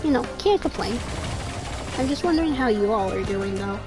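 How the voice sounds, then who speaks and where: With game music behind her, a woman in her twenties streams gameplay and chats casually, frequently trailing off and starting sentences over. Her voice is fairly high, expressive and moderately paced, with a dry, slightly scratchy throat.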